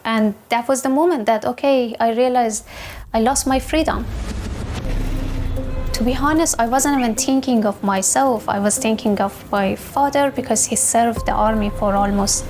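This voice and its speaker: A woman in her twenties from Afghanistan, recounting her own experience in a measured, reflective way with hesitant fillers. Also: fairly high pitch. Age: 20s. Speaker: documentary interviewee. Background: music.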